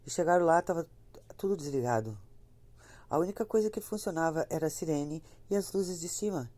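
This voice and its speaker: Low-voiced woman with a head cold. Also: lively intonation, brisk, dark tone. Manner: chatty, repeats herself, talks to listeners directly. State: has a cold, slightly congested. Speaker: storyteller of ghost stories. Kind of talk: casual spoken horror storytelling.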